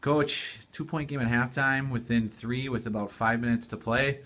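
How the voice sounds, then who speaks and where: A man interviewing a coach after a game, opening with a brisk announcer-style intro. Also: mid-range voice, steady tone, a bit bright. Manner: brisk, scripted-sounding intros. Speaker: team broadcaster interviewer. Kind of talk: postgame interview questions.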